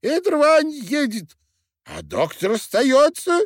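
A man voicing a tiny, drunken, quarrelsome miller who yells in a shrill voice. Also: sing-song, slow pace, no room sound, studio quality, exaggerated voice. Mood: rowdy. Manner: shrill, yelling.

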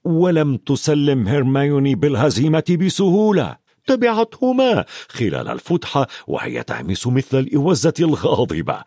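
A man narrating an audiobook dramatically, dropping to a hush for suspense. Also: medium pitch, wildly swooping pitch, normal speed, no echo, clean studio sound. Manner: dramatic, swings from loud to hushed.

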